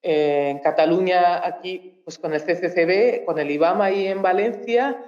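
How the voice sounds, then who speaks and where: Speaking on a conference panel in a university auditorium, this Mozambican researcher, whose first language is Portuguese, searches hesitantly for her words with frequent pauses and restarts. Her voice is lowish with a darkish tone, heard through echoing, roomy acoustics that are somewhat muffled and dull.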